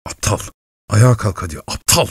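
A man's voice: mid-range voice, big pitch swings, a little slow, gravelly, a little mellow, no room sound, studio quality, pitched above the performer's own voice. A man reading an audiobook, voicing a ruthless, commanding young merchant's wife with his voice raised. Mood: harsh. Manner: harsh urgent orders, hissed whispers.

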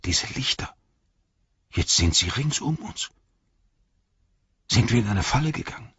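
A man's voice: medium pitch, expressive, unhurried, a bit bright, breathy edge, no room sound, muffled recording, pitched above the performer's own voice, heavily acted. A man voicing a frightened but loyal hobbit servant in an audiobook, talking urgently and raising his voice. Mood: uneasy. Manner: urgent, exclaiming. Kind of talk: audiobook character voice.

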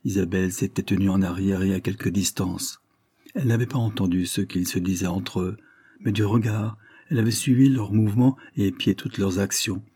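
A man reading a classic novel aloud in a measured, literary narration. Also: low-pitched, fairly even intonation, mellow, slightly rough, no echo. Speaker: audiobook reader.

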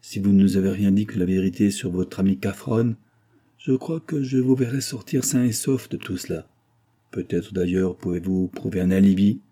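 A man playing a composed plain-clothes policeman, low and mellow in tone with a husky edge, giving warnings with quiet authority in a storybook reading. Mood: calm, authoritative. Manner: measured, authoritative. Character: calm authoritative male London policeman.

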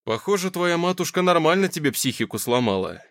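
A man's voice: a little high, big pitch swings, a little fast, fairly bright tone, no echo, pitched above the performer's own voice. A man voicing a sardonic, grumbling young man with a dry, sarcastic manner. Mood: wry.

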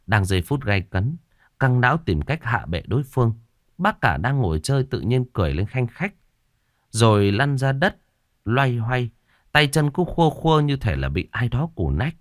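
A man narrating a ghost story in an expressive storytelling manner. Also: medium pitch, moderate pace, no echo, studio quality.

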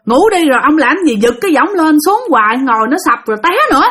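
A woman's voice: high voice, animated, quick pace, a bit bright. Woman playing a nagging irritated wife. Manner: nagging, scolding. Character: annoyed middle-aged wife nagging her husband.

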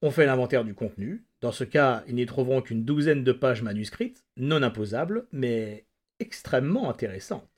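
A man reading aloud and voicing an old former Nazi, soft-spoken and calculating, with quiet mocking menace. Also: mid-range voice, expressive, normal speed, close to an everyday voice. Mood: quietly menacing.

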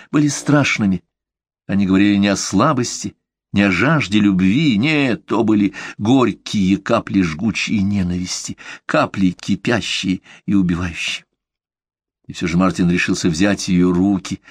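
A man narrating a literary novel in a measured, expressive reading. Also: low voice, husky, no echo. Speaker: audiobook narrator.

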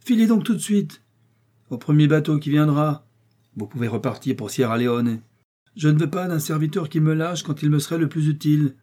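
A man's voice: on the high side, fairly quick, dark tone, pitched above the performer's own voice, close to an everyday voice. A man voicing a stern, feverish male manager who speaks curtly, in an audiobook reading. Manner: curt, commanding.

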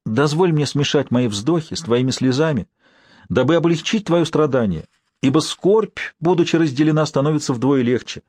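A man's voice: a little high, moderate pace, darkish tone, no echo, voice pushed up, natural voice. A man voicing a young noblewoman in an audiobook, earnest and yearning as she speaks of heavenly love. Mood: tender. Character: young noblewoman, tender, devout, lovesick.

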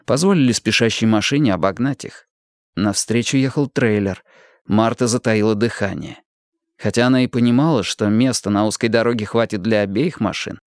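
A man reading a thriller audiobook in a steady, even storytelling manner. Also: mid-range voice, no echo, studio quality. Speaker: audiobook narrator. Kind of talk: scripted narration.

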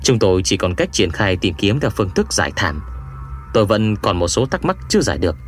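A man reading an adventure audiobook aloud in a measured, expressive first-person storytelling manner. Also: fairly low pitch, soft background music. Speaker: audiobook narrator. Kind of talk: scripted first-person narration.

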